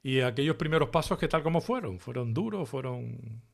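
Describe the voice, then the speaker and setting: A man's voice: medium pitch, expressive, fairly quick, vocal fry. A man hosting an interview, chatting casually and often hedging and correcting himself. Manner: chatty, hesitant, self-correcting. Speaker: podcast host.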